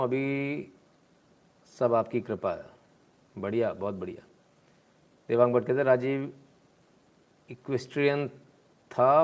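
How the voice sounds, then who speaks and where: A man hosting a sarcastic commentary stream, reading viewer comments aloud with mocking, animated delivery. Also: mid-range voice.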